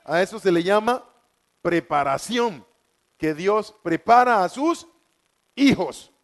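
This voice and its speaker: High-voiced man preaching. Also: expressive, slow. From Colombia. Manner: fervent, repeats key words for emphasis. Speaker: preacher giving testimony. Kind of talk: evangelical testimony sermon.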